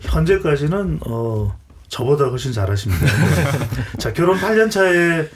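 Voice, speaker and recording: A man's voice: fairly high pitch, very animated, unhurried, very noisy. A man hosting a broadcast panel discussion as moderator, introducing guests and putting questions to them. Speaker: host, debate moderator.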